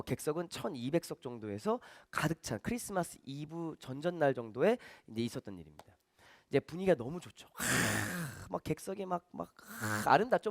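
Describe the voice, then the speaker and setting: A man's voice: on the high side, no echo, studio quality. A man, a magician giving a stage talk, telling stories animatedly and acting out the dialogue. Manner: animated, acts out dialogue for the audience. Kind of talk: stage lecture storytelling.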